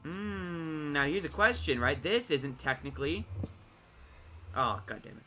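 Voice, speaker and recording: Excitable man rambling over gameplay. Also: on the high side, unhurried, faint music behind. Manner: excitable, rambling self-talk to viewers. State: voice cracking from overuse. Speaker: gaming video creator. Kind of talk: casual gameplay commentary.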